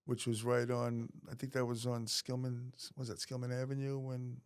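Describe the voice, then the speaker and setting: A man's voice: mid-range voice, completely flat delivery, clean tone. Male podcast host, mid-range voice; upbeat, chatty, easygoing. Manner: upbeat, chatty, quick to laugh. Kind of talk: podcast interview.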